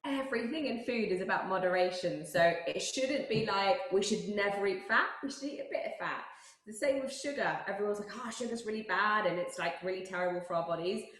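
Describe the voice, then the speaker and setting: A young British woman leading an online cooking and workout class, coaching with upbeat encouragement and counting down the reps. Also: mid-range voice. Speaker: fitness and cooking instructor. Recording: very echoey room with music.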